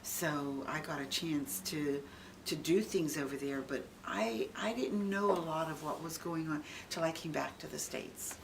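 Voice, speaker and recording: A woman's voice: deep voice, unhurried. An older woman, a military veteran, remembering her service informally in an interview. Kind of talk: casual reminiscing in an interview. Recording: distant microphone, clearly noisy room.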